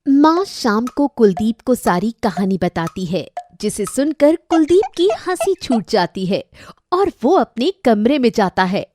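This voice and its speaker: Lively, high-voiced woman narrating a cartoon. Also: unhurried, hardly any pauses, background noise. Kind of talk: storybook narration.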